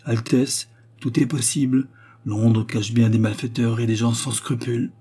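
A man voicing a humble, secretive old man who speaks gravely and with respect. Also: mid-range voice, level tone, measured pace, dark tone.

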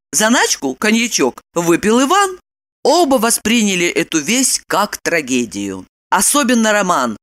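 A woman narrating an audiobook in a mid-pitched voice that swings widely in pitch. Her delivery is expressive and ironic, shaping each sentence like a told story. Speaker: audiobook reader. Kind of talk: scripted narration.

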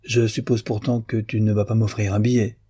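A man's voice: on the low side, little pitch movement, fairly quick, dark tone, breathy edge, no room sound, studio quality. A man voicing a wry, teasing male doctor who banters with a clever young man. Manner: bantering, ironic.

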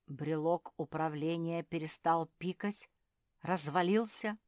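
Slow woman storyteller, dry sound. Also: fairly low pitch, a little mellow, no echo. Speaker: narrator. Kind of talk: reading a children's story aloud.

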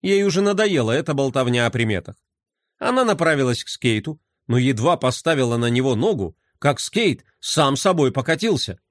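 A man narrating a children's storybook in an expressive, lively way. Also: mid-range voice, normal speed, no room sound, clean studio sound.

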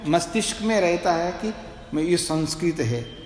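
A man with a high-pitched voice teaches scripture at an unhurried pace. He patiently repeats verses syllable by syllable and keeps checking that his students follow. The recording has a long, roomy hall reverb. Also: animated, slight background noise. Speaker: swami teaching philosophy. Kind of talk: classroom lecture on scripture.

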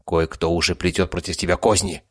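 A man's voice: sits low, level tone, brisk, no echo, clean studio sound. A man voicing a grumbling, boastful male cat werewolf with a cheeky, purring manner in an audiobook. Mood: sighing.

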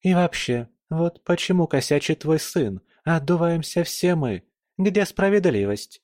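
A man reading an audiobook puts on a cheeky young wolf-girl with a raised, lifted voice and a slightly louder push. She teases and grumbles defiantly. The recording is dry and close. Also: a little high, lively intonation, moderate pace, no room sound, pitched above the performer's own voice, lightly acted. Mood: cheeky grumbling.

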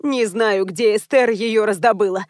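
A soft-spoken, fretful older actress who hesitates and worries over every word, as a woman narrator plays her. The recording is dry and close, as in a studio audiobook. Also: mid-range voice, unhurried, no room sound, lightly acted. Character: timid older actress, anxious mother-in-law.

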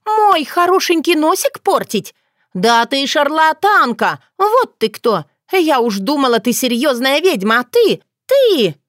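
A woman putting on a shrill, indignant village girl. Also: very animated, unhurried, no echo, studio quality. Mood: outraged. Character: brash jealous young village girl. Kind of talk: audiobook character voice.

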